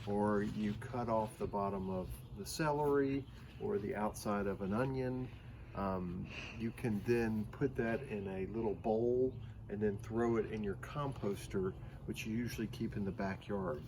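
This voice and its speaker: A man's voice: lowish voice, a little slow. A man with an American accent hosting a children's how-to show, explaining in a casual, plain-spoken, folksy way while outdoors. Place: outdoors, backyard. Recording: noisy outdoor ambience.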